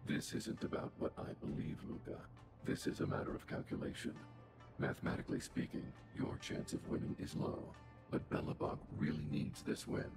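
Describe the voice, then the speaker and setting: An actor playing an old, outdated robot in a video game, calm and coldly logical, speaking formally through a robotic filter. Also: male voice, moderate pace. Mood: solemn, analytical. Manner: formal, literal, calculating speech. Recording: loud game music behind. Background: game music.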